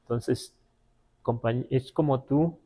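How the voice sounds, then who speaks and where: A man with a Mexican Spanish accent teaching a language class, halting with many fillers and spelling words out syllable by syllable. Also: mid-range voice, warm tone. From Huasteca, Mexico. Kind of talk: live class explanation.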